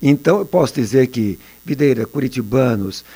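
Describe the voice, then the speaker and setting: An older man, a former teacher telling stories in a relaxed interview and often ending phrases with a tag question. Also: mid-range voice, moderate pace. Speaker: retired teacher and education adviser. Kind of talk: casual interview storytelling.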